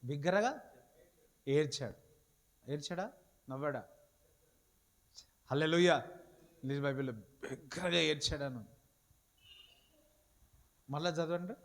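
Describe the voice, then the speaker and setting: A man preaching a sermon in a church hall. He talks slowly and deliberately in a somewhat high voice, calling out to the congregation for responses. His voice carries a long reverberant tail. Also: fairly bright tone. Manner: exhorting, calls for responses, switches into English phrases. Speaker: pastor.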